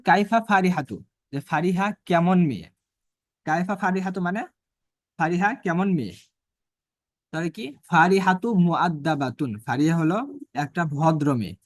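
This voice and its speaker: A man teaching an online Arabic grammar class, asking himself rhetorical questions and reading Arabic phrases slowly. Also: high-pitched, no echo, clean studio sound.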